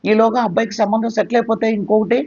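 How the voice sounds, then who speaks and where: A woman's voice: on the high side, steady tone, fast, warm tone, slightly rough, voice pushed up. A man voicing a pushy woman friend who urges and nags insistently, in a slightly muffled recording. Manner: urging, insistent.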